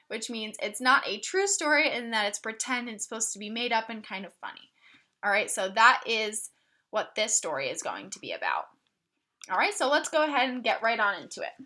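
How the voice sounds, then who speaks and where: In a high, bright and forceful voice, a woman reads a picture book aloud to children. She acts like a teacher, breaking in with easy explanations and questions for her listeners.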